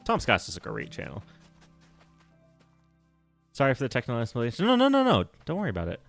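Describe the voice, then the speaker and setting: This man's mid-range, slightly bright voice swoops wildly in pitch as he talks quickly on a gaming livestream over faint music. Casual and nerdy, he rambles, self-corrects and laughs.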